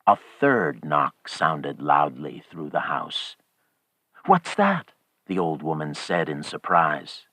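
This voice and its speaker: A male narrator reading a horror audiobook with a very deep, low voice. He takes his time, grave and measured, in a dry, close sound. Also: pushed and bright, no room sound.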